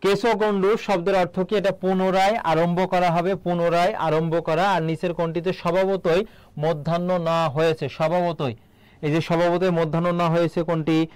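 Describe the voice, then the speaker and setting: A man's voice: high-pitched, level tone, normal speed, darkish tone, smooth, no echo. Dry-voiced male tutor drilling exam answers. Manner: repeats questions and answers, quizzing the listener. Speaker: teacher. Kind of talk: exam-prep lecture.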